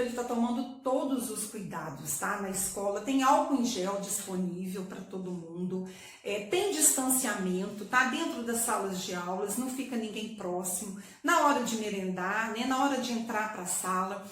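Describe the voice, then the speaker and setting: A woman's voice: medium pitch, animated, normal speed, fairly bright tone. A woman teacher giving a recorded class to young pupils, affectionate and checking in with frequent tag questions. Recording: very echoey room with faint noise.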